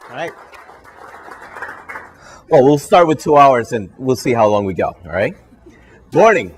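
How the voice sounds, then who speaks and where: There's slight background noise as a mid-range, sing-song male voice talks a little slowly. He's a Puerto Rican brand ambassador and trainer, Spanish his mother tongue and his accent Puerto Rican, training bartenders live in a hotel function room before an audience and ending almost every phrase with "all right?".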